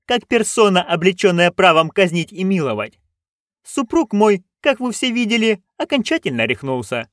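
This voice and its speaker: A man voicing a haughty, scornful duchess in an audiobook, high, sharp and commanding. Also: sing-song, moderate pace, no echo, clean studio sound. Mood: imperious. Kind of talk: audiobook reading.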